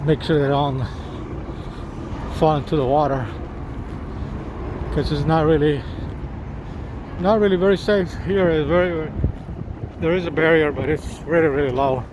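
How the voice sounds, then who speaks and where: A vlogger walks along a city riverside filming himself on a handheld camera or phone, eagerly pointing things out. His high voice is slightly hoarse, with coughing, long pauses and an unhurried pace as he repeats words and restarts phrases. Street noise, sirens and boats are heard behind him.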